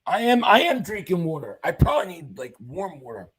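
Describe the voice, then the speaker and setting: This man's high, slightly bright voice is very animated and a little fast as he reads viewer comments on his laid-back sports livestream. Upbeat as a fan, he's nonetheless losing his voice, which sounds husky and worn thin.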